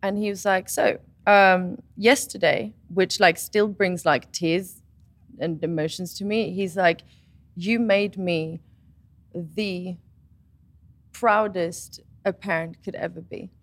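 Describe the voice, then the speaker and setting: A woman in her twenties chatting casually, telling a personal story with animated retellings of what others said. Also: on the low side, slow, no echo. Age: 20s. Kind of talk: casual chat.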